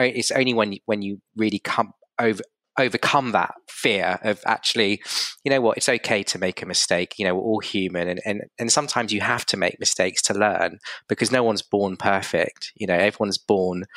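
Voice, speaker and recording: A man's voice: on the low side, steady tone, a little fast, a bit bright, no echo. A man hosting a podcast interview, chatty and encouraging, rambling with filler words. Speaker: podcast host.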